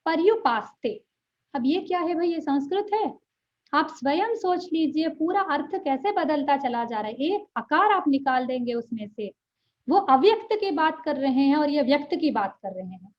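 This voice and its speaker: A woman with a high voice gives an earnest online language lesson. She keeps checking in with her listeners and stretches syllables slowly to show the right pronunciation. The audio is dull and lo-fi. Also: animated. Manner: earnest, checks in often with "ठीक है", drawn-out pronunciation demonstrations. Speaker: Sanskrit teacher.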